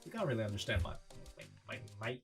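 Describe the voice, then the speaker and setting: A man from France with a French accent, chatting in English about a country he loves. His pitch swings around in a lively way as he rambles, jokes and teases, and faint music plays softly behind him. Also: fast, gravelly. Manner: joking, sarcastic, rambling with many "like" fillers. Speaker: vlogger. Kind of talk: casual chatty explainer.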